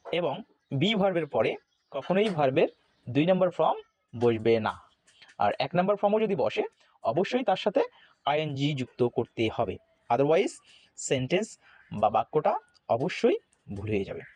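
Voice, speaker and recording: A man with a Bangladeshi Bengali accent teaching an English grammar lesson, slow and deliberate, spelling words out letter by letter. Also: a little high, sing-song, a little mellow, no echo.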